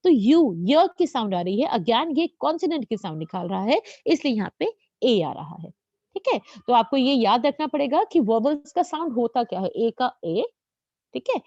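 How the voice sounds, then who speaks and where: A patient woman teaching a grammar lesson, her fairly high voice rising and falling a lot as she keeps checking whether the class follows. The sound is dry and a little dull. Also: sing-song, moderate pace, darkish tone, no room sound. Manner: patient, checks understanding with repeated questions; addresses students as children. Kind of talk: grammar lesson explained in Hindi.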